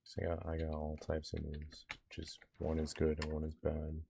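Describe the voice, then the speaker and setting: There's a noisy background as a young man streams a game, casually chatting with viewers and muttering to himself in easygoing slang. He speaks at a moderate pace in a gravelly bass voice with a completely flat delivery.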